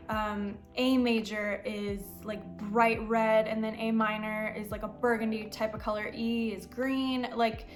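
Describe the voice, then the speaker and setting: A woman's voice: fairly high pitch, fairly bright tone. A young American woman, a worship pastor and singer, answering questions in a casual vlog with a rambling, chatty manner full of "like" and "um.". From United States.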